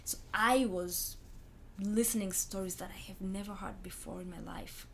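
A young Rwandan woman with a Rwandan accent speaks as an interview guest, earnest and reflective, repeating phrases for emphasis. Her mid-range voice is a bit bright, with fairly even intonation and a normal pace, and there's a little hiss or hum in the audio.

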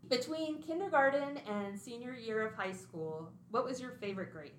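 A woman hosting a school podcast, reading out her introduction and interview questions clearly. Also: on the high side, expressive, moderate pace, slight background noise. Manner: clear, read-aloud questions. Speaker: podcast host. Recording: echoey room.

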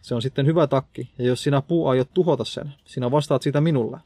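A man reading a gruff, defiant house cleaner. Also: medium pitch, fairly even intonation, warm tone, no echo. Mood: scolding. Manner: blunt, scolding.

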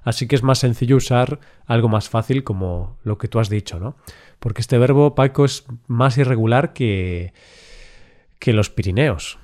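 A man, co-hosting a casual lesson podcast, playful and quick to joke and laugh. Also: mid-range voice, a little mellow. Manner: playful, jokes and laughs often. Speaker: Spanish teacher, podcast co-host. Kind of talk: casual chat.

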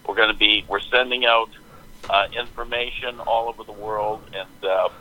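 Man on speakerphone, low bright voice. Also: steady tone, moderate pace, poor audio. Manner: playful, quotes scripture with mock solemnity. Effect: heard over a speakerphone. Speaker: father phoning in to a podcast. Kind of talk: casual phone chat.

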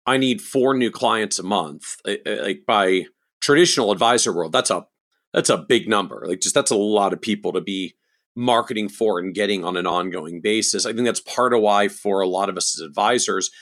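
A man hosting an interview for financial advisors, measured and reasoning aloud. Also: on the low side, fairly bright tone. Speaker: podcast host for financial advisors. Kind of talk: interview conversation.

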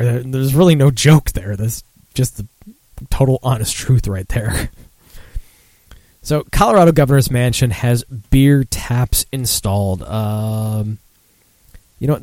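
A mildly tipsy podcast host rambles and swears in a self-deprecating way during a casual live chat about beer news. His voice is medium-pitched with a darkish tone, and the recording is dry.

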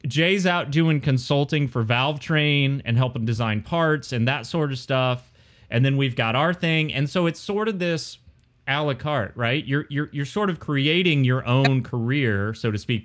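Male host, medium pitch, casual interview chat, rambling conversational delivery. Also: fairly bright tone. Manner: rambling, conversational, circles toward questions.

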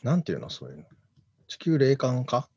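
A man co-hosts a podcast with loose, slangy, joking banter. His husky voice swings widely in pitch, and the recording sounds dull and lo-fi. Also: huge pitch swings, brisk, a little mellow. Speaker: podcast co-host. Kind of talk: casual podcast chat.

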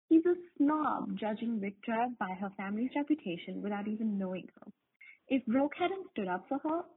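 A woman's voice: a little high, slightly rough. A woman from Canada leaving a voice message as a listener, reading a prepared, earnest argument. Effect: voice message played over a phone line. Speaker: listener caller. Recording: tinny phone voicemail.

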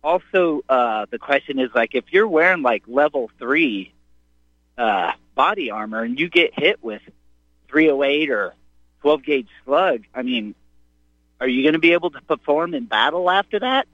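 A man's voice: medium pitch, animated, normal speed, a bit bright, no echo. A man calling in to a radio show over the phone to ask a question, hesitant and full of fillers like "uh" and "like". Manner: hesitant, lots of uh and like. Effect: call-in voice over a phone line. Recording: dull phone line.

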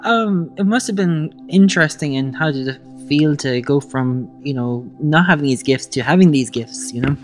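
A man hosting a podcast, introducing his guest and asking short, calm questions. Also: a little high, normal speed, hardly any pauses, faint music behind. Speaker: podcast host. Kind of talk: interview hosting.

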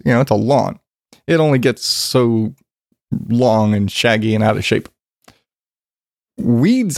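Cursing and rambling, a man from Arizona vents about yard work in a self-deprecating vlog rant. His congested voice is medium-pitched and a little mellow, captured dry at studio quality.

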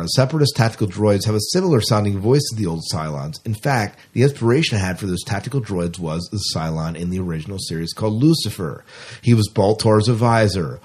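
A middle-aged podcast host with a lowish, slightly husky, darkish voice reads out entertainment news. He keeps it casual and chatty, with a fan's enthusiasm.

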